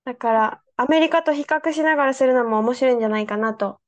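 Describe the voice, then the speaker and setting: A woman's voice: high voice, fast talker, lo-fi sound. A woman co-hosting a podcast in casual chat, chatty and laughing often. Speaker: podcast co-host.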